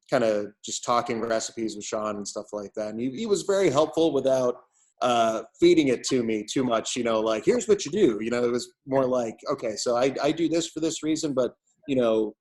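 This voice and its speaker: At his brewery, a man who owns the place gives a casual interview, rambling in a loose, conversational way. His voice is on the low side, and the audio is poor.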